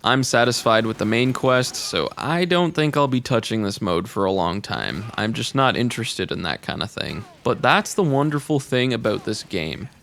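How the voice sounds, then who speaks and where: A man's voice: mid-range voice, expressive, normal speed, vocal fry, hardly any pauses, a bit bright. A young man voicing a scripted game review, candid and casually blunt, speaking close to the mic.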